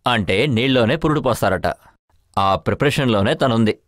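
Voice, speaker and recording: An actor playing a brisk, matter-of-fact young husband in a dubbed film. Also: male voice, mid-range voice, no room sound, studio quality, close to an everyday voice. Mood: casual.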